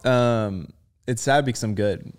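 A man's voice: mid-range voice, a little slow, a little mellow, clear, resonant tone. Easygoing young man, casual podcast co-host. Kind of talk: casual chat.

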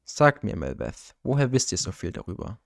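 A man's voice: fairly low pitch, sing-song, normal speed, creaky, dry recording, clean studio sound. A man voicing a cold, suspicious lord. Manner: cold, quietly threatening delivery.

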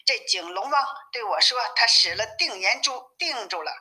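A woman's voice: fairly high pitch, lively intonation, moderate pace, bright, forceful tone, poor audio. A woman reading the lines of a lazy, cheeky male pig-monk in a storybook, in a grumbling, colloquial way.

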